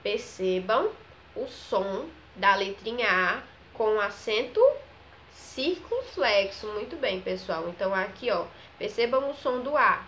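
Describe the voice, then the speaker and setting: A woman, teaching a children's grammar lesson. She talks slowly, stretches out each example word, and keeps checking in with the class. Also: mid-range voice, a bit bright, slight background noise. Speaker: primary school teacher.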